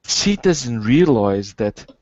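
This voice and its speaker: A man on an online voice call whose audio keeps breaking up, speaking haltingly with many fillers. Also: medium pitch, sing-song, darkish tone, no room sound. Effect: audio breaking up over a bad internet connection. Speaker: guest on an online call-in stream. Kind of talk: casual online chat. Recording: dull lo-fi dry internet call.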